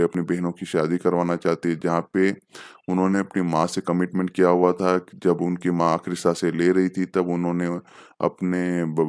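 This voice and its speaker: A man's voice: low voice, a little mellow, clear, resonant tone, dry recording, clean studio sound. A man casually recapping a film's plot as a reviewer, talking off the cuff with hesitant fillers and self-corrections. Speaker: film reviewer.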